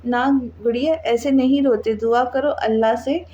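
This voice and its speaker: A woman's voice: a little high, measured pace, mellow, muffled recording, slight background noise, lightly acted. Woman reading a trembling, stammering young woman. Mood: kind. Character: young woman, frightened and sobbing.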